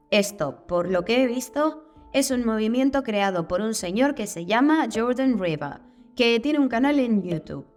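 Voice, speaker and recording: A woman with a Spain Spanish accent hosts a video, narrating casually with curious, wry asides. Her voice sits in a middle pitch range and stays conversational. Faint background music runs under her talk. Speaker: channel host.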